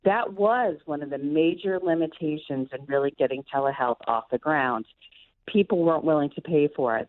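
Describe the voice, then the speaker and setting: A physician and medical director answers interview questions in an explanatory way, her low voice carried over a thin, phone-like line. There is almost no room sound.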